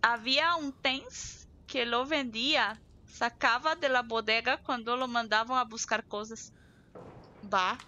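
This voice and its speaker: A woman's voice: a little high, steady tone, measured pace, bright, forceful tone. A woman from southern Brazil with a southern Brazilian accent, chatting casually and at length while streaming a game. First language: Portuguese. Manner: chatty, talks a lot, laughs easily. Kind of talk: casual live gameplay chat.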